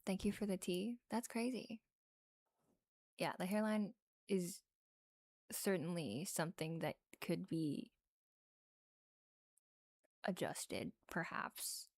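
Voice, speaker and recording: A woman's voice: fairly low pitch, slow, long pauses, darkish tone, dry recording, clean studio sound. A woman streamer chatting informally with her viewers in a musing, hedging way. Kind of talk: casual livestream chat. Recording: background noise with small clicks.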